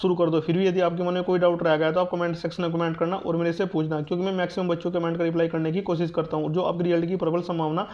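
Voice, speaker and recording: The voice is fairly high and a little mellow, with a level tone, and he talks very fast with few pauses. As an exam news and guidance YouTuber, he informally updates students, repeating himself to reassure and direct them. Expect a muffled, dull lo-fi sound.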